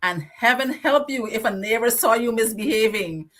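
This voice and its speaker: A woman with a Guyanese accent, co-hosting a casual live-stream chat and telling lively stories about growing up. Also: on the high side, moderate pace. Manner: animated nostalgic storytelling. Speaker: co-host.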